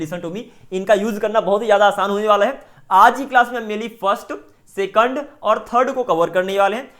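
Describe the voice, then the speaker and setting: Chatty Indian English teacher, high voice. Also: male voice, a bit bright. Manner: chatty teacher, mixes Hindi and English, repeats checks for understanding. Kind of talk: online grammar lesson.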